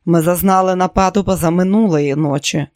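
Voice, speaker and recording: A man doing a soft-spoken kindly monk, quiet, slightly high, dry audiobook sound. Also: fairly even intonation, a little fast, dry recording, lightly acted. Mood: gentle. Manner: quiet and kind. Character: gentle, soft-spoken middle-aged male monk.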